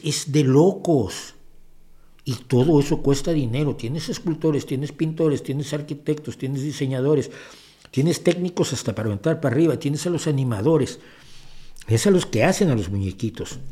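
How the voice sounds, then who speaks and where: Middle-aged Mexican male host, mellow voice, lively anecdotal delivery with frequent restarts. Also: medium pitch. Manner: animated, storytelling, piles up emphatic superlatives and restarts. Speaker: podcast host answering listener questions. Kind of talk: live chatty Q&A monologue.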